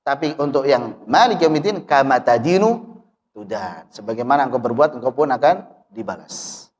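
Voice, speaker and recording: A man teaching Quran recitation, chanting verses slowly and then explaining them patiently to his students. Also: mid-range voice, animated, a little mellow. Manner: slow melodic chanting of verses between explanations. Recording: long hall reverb.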